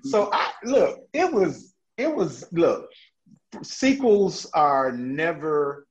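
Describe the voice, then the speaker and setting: A man talking as a guest in a casual interview, an energetic storyteller who laughs often and restarts his sentences. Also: on the high side, extremely slow. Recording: dull lo-fi audio.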